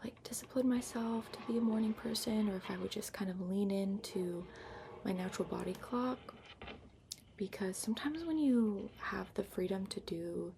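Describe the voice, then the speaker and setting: A woman giving an unhurried ASMR ramble in a hushed whisper and soft voice, recorded up close on a laptop microphone. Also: mid-range voice. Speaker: ASMR vlogger. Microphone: built-in laptop microphone, up close. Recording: lo-fi laptop microphone, clear background noise. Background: tapping and keyboard-like scratching sounds.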